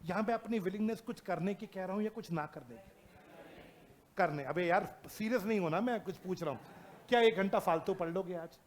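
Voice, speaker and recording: Man, teacher, classroom lecture, fairly high pitch, mixes Hindi and English, reads legal wording slowly, asks students questions.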